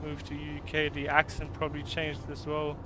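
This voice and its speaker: A man's voice: on the high side, monotone, moderate pace, background noise. A man who grew up in Canada and speaks Polish as his first language, casually chatting to viewers during a live gameplay stream. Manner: easygoing, chatty, calls viewers "mate". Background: loud music.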